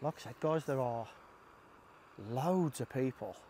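A man's voice: mid-range voice, measured pace, dark tone, slight background noise. A man chatting casually to camera on a hike, joking about himself and talking to his dog between thoughts. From England. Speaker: vlogger. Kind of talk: casual vlog chat. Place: outdoors on a hiking trail.

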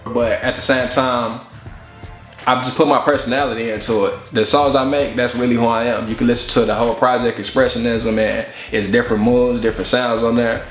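A rapper in his twenties sits on a living room couch for an interview, talking casually and reflectively. His mid-range voice moves fairly quickly with fairly even intonation. The indoor sound is slightly roomy, with faint music behind.

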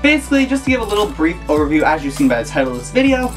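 A man's voice: a little high, sing-song, rapid-fire, music in the background. A young man hosting a vlog, chatting casually to camera in a small room. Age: young adult. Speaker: vlog host. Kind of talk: casual video intro to camera.

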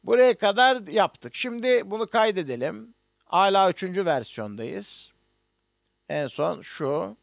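High-voiced man teaching notation. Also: expressive, measured pace, gravelly, dry recording, studio quality. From Turkey. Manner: explains step by step while working on screen, with many hesitations. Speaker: music professor. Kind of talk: online music notation lesson.

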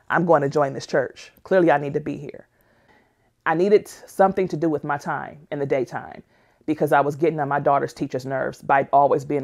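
A woman narrates her own life story as a personal testimony, sounding earnest and emotional in a plainspoken way. Her voice is low-pitched with a darkish tone.

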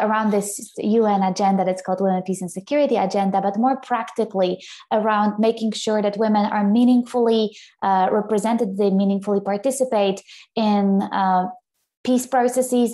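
A woman's voice: mid-range voice, warm tone. A woman program director of a peace organization introducing her work on a panel, organized but with frequent fillers.

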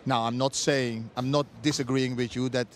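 A middle-aged man debating as a football pundit pitchside, with many restarts and non-native phrasing. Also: steady tone, moderate pace, a little hiss or hum. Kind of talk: studio-style punditry debate. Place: outdoors pitchside at a stadium. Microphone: handheld mic.

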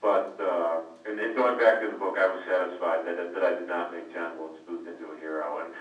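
A man's voice: sits low, little pitch movement, brisk, highs cut off. A man, an author answering questions on a conference call, telling stories with frequent hesitant restarts and repeated words. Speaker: author guest. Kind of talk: conversational storytelling on a conference call. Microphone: conference call line. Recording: echoey, distant, faint noise.

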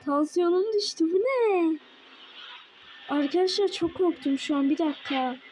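A woman's voice: very high-pitched, moderate pace, a little mellow, slight background noise. Scared young woman playing horror game. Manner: jittery, frightened, talking to viewers. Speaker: gaming video creator. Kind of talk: horror game let's play commentary.

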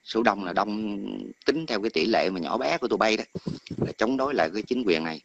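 A middle-aged man calls in to an online talk and launches into a long, heated scolding rant, berating someone and often repeating words while searching for the next. His fairly low voice is animated and fast, on a muffled, noisy line with clicks.

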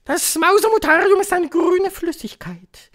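A man voicing a cruel old female witch queen, shrill and commanding, gloating in clipped declarations for an audiobook. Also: a little slow, a bit bright, full character voice. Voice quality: shrill, thundering. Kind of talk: audiobook reading.

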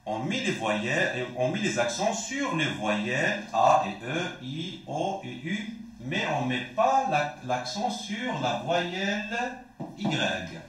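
A male teacher with a Moroccan accent explains a French lesson slowly. His pitch rises and falls a lot as he stresses each word. He sounds like he is in a very echoey room. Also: a bit bright. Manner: slow, repeating words, asking then answering itself. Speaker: primary school French teacher. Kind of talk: classroom lesson.

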